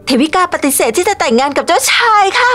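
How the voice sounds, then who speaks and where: An actress playing a lovestruck young daughter who is excited and stubborn, in a dubbed drama. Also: female voice, extremely high pitch, quick pace. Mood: eager. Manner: excited, pleading, childlike.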